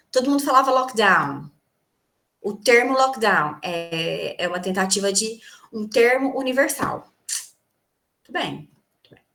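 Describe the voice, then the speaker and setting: Pitched on the high side, this woman's voice sounds pushed and bright. She is an English teacher from Brazil running an online class by video call, where she explains terms and quizzes students, posing questions and supplying the answers.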